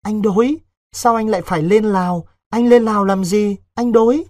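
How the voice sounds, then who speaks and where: A man voicing a young peasant servant girl who pleads through tears, in a husky voice. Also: sits high, steady tone, normal speed, no echo, pitched above the performer's own voice, natural voice. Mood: imploring. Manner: tearful, imploring pleas.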